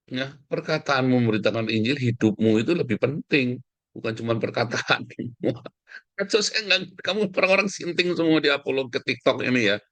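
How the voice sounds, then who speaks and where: A middle-aged man, preaching a fiery sermon in a scolding, combative way that swings between loud outbursts and hushed asides. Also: mid-range voice, no room sound.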